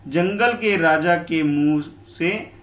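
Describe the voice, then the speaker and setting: A man's voice: on the high side, slow. Patient male teacher in an echoey room. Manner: patient and repetitive, calls pupils बेटा. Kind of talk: online class lesson explaining a textbook.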